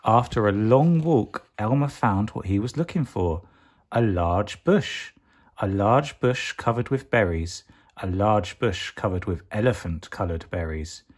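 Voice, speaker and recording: With a lowish, animated voice, a man reads a children's picture book aloud as a bedtime story, expressive and deliberate, stretching key words for emphasis.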